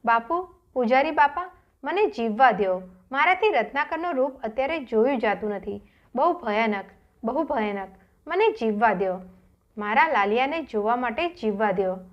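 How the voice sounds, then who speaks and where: A woman's voice: fairly high pitch, expressive, normal speed, highs cut off, lightly acted. A woman voicing a frail old village woman who pleads tearfully for her life in a storybook reading. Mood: pleading.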